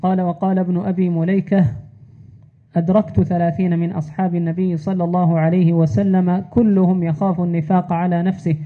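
A man reading classical religious text aloud as a student, measured and formal, repeating the narration formula before each line. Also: high-pitched. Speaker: student reader. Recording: tinny phone-like sound.

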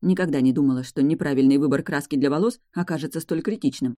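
A woman's voice: deep voice, fast talker, mellow, no room sound, clean studio sound. A woman narrating a first-person fantasy audiobook in a wry, ironic manner.

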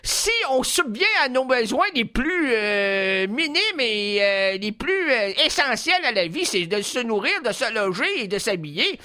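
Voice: medium pitch, very animated, a little slow, hardly any pauses, pushed and bright. A radio host with a Québécois accent, bantering on air in a playful, rambling way with many fillers. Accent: Québécois French.

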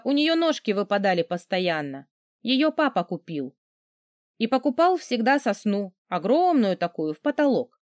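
Audiobook: woman reads a cheeky young heroine, bright lilting voice, dry booth sound. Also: fairly high pitch, dry recording. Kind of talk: audiobook character reading.

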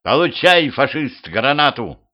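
A man voicing a seductive, scheming witch in a homemade audiobook, speaking slowly and purring, shrieking when enraged. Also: medium pitch, very animated, voice pushed up. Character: seductive scheming witch woman, later furious. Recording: dull lo-fi home recording.

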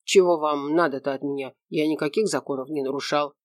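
A gruff, hot-headed man of thirty, as a female reader plays him, blunt and grumbling. The voice sits low and the recording is bone-dry. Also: steady tone, fairly quick, darkish tone, dry recording, natural voice.

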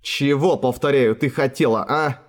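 A man's voice: mid-range voice, moderate pace, natural voice. A man voicing a sardonic official who speaks with cool, mocking sarcasm. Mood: challenging. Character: sardonic, unflappable male official, a consul.

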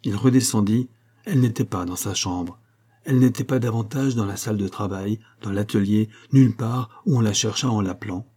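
A man narrating a novel chapter in measured, scripted storytelling. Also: lowish voice, warm tone, husky. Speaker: audiobook narrator.

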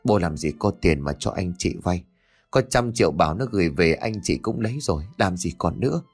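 A man's voice: sits low, lively intonation, brisk, a little mellow, husky, faint music behind, pitched below the performer's own voice, full character voice. A man voicing a frail old father who begs and wails, his voice trembling. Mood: weary refusal. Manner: trembling, begging.

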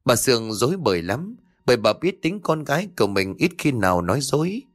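A man narrating a ghost story in a steady, measured storytelling voice. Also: medium pitch, dry recording, clean studio sound.

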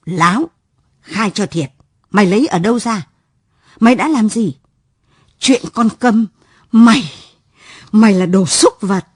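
A woman's voice: medium pitch, expressive, measured pace, long pauses, breathy edge, dry recording, studio quality. A woman voicing a stern, harsh old father who scolds and threatens. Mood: furious.

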